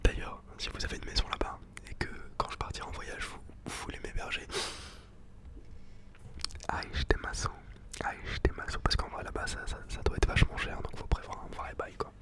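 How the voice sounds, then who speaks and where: Slow, quiet repetition of foreign words fills this ASMR clip, whispered close by a male creator who keeps things casual with slang.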